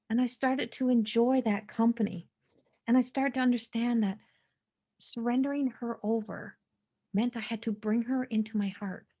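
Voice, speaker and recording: A podcast host in her forties, with a fairly high, husky voice, shares a slow, contemplative spiritual monologue that occasionally drops to a hushed whisper.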